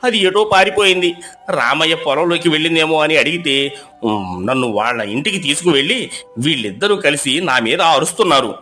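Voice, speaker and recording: A man voicing a fussy villager pleading over his lost goat in a storybook tale, in a high, pleading voice. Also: lively intonation, quick pace, bright, forceful tone, soft background music. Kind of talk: storybook voice acting.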